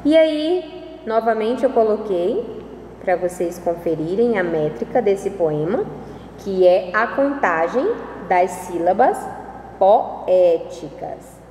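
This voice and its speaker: A woman teacher giving a recorded lesson, talking slowly and carefully and spelling out syllables. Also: medium pitch, lively intonation, warm tone, slight background noise. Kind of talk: recorded lesson on poetic meter. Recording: echoey room with long reverb and faint ambience.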